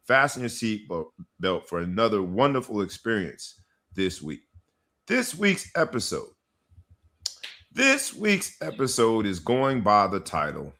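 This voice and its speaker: A man's voice: lowish voice, fairly bright tone. A man hosting a sports talk podcast, hyping the intro with dramatic announcer-style delivery. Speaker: podcast host.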